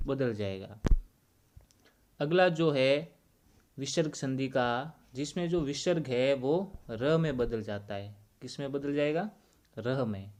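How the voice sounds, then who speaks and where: A man teaching Hindi grammar to students. He explains slowly and deliberately and repeats the key points. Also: mid-range voice, a little mellow.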